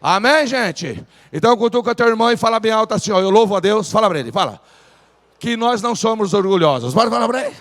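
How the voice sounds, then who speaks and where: A Brazilian pastor preaching a lively sermon in church, urging the congregation to repeat phrases aloud. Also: male voice, high-pitched, fast talker. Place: church sanctuary. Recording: church hall reverb.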